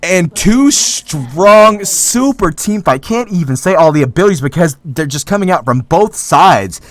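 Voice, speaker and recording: A man casting a live esports match, excitable and jokey, yelling at big plays. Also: high voice, a little slow. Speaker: esports caster. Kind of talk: live game commentary.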